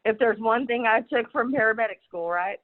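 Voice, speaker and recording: A woman's voice: a little high, brisk. A woman student answering in an online class, hesitant and thinking aloud. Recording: tinny phone-like line.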